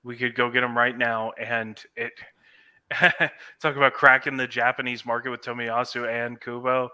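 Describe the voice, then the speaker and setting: A man's voice: medium pitch, level tone, normal speed, bright, forceful tone, clean tone. A man co-hosting a podcast, giving thoughtful, analytical takes in casual football chat. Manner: thoughtful, analytical, lots of restarts. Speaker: podcast co-host.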